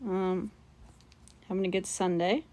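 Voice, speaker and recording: A woman's voice: mid-range voice, steady tone, unhurried, darkish tone. A woman who is slightly under the weather with sinus pressure, chatting casually and informally to viewers as she hosts an unscripted livestream. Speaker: livestream host.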